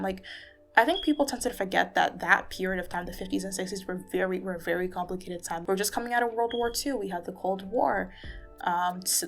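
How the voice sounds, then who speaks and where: Woman, muffled under a blanket, vocal fry, rambling casual vlog, many fillers. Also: medium pitch. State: tired. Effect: muffled, recorded under a blanket. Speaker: YouTuber. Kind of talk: casual talking-head vlog.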